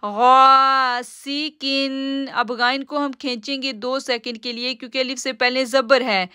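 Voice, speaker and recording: A woman teaching Quran recitation rules in a live-streamed lesson, explaining patiently step by step and drawing out each word slowly as she recites it. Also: high voice, steady tone, sharp tone, clean tone, no echo, clean studio sound.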